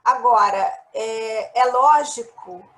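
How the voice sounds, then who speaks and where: A Brazilian woman from a national library speaking as a panelist, recalling events in an unhurried, story-like way. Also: on the high side, fairly bright tone. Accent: Brazilian Portuguese. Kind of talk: recounting experience on a panel.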